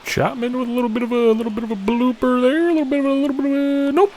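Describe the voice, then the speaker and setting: A young man giving excitable play-by-play commentary on a video game, shouting on big hits and muttering quieter asides. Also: extremely high pitch, very fast, a little hiss or hum. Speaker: gaming YouTuber.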